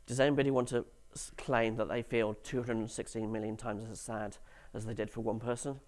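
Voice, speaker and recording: A man's voice: mid-range voice, flat delivery, fairly quick. A man giving a conference talk to developers, with dry, sarcastic humour and questions to the audience, on stage in a conference hall. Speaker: conference speaker.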